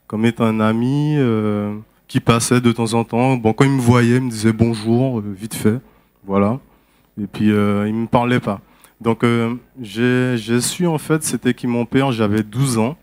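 A man speaks in a candid, conversational way, pausing often as he gives a personal testimony. His voice sits at an ordinary middle pitch for a man, and the setting is a church service. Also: fairly even intonation, darkish tone, clean tone. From French Guiana.

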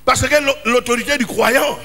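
A man's voice: very high voice, fairly even intonation, moderate pace, sharp tone. A man preaching a sermon as pastor in a church hall, impassioned and calling out in emphatic bursts. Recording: reverberant hall with faint ambience.

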